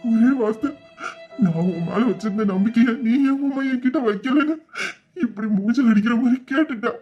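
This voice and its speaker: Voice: mid-range voice, moderate pace, darkish tone, dull audio, faint music behind, natural voice. A performer voicing a young man who is crying, pleading and blaming himself, in an audio drama. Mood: remorseful sobbing. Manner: sobbing, pleading, self-reproaching. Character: young man grieving and begging forgiveness. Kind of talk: Tamil audio drama acting.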